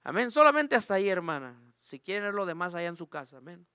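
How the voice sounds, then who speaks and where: A man delivers an earnest sermon, weaving in his own testimony and calling out to the congregation. His voice sits high for a man. The sound is close and dry, with no room echo. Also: big pitch swings, quick pace, pushed and bright, smooth. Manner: earnest storytelling, addresses church as brothers and sisters. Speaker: preacher.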